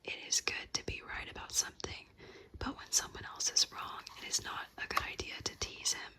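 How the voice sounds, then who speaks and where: A woman's voice: moderate pace, poor audio. A woman voicing a wise old grandmother squirrel in a whispered bedtime story. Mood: gentle. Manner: soft unvoiced whisper.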